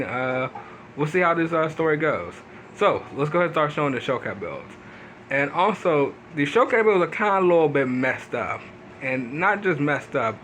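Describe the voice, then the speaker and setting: A man's voice: a bit bright, a little hiss or hum, rough recording. A man giving casual gameplay commentary for his video channel, rambling with lots of fillers and restarts. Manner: rambling, leans on "pretty much" fillers and restarts; sudden upward pitch jumps for emphasis. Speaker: gaming video host.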